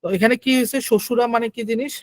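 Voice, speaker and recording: High-voiced man teaching a lecture. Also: fairly even intonation, racing, dry recording, low-quality recording. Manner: explains step by step, keeps checking in. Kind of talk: exam-prep lecture.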